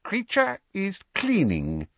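A man voicing a hunched, spiteful old male house elf who mutters hoarsely under his breath. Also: medium pitch, huge pitch swings, measured pace, sharp tone, no room sound, highs cut off, pitched above the performer's own voice, heavily acted. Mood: spiteful muttering.

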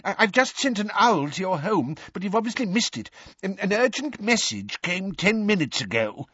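A timid old wizard, pitched far above the reader's own voice. He is breathless and flustered, stammering desperately, in a dry storybook recording that sounds slightly muffled. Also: sing-song, normal speed, bright, forceful tone, husky, no echo, exaggerated voice.

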